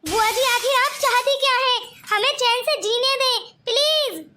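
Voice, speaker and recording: An earnest young cartoon bride. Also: female voice, very high-pitched, unhurried, bright, forceful tone, heavily acted. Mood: pleading. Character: young bride-to-be, polite and determined. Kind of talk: cartoon voice acting.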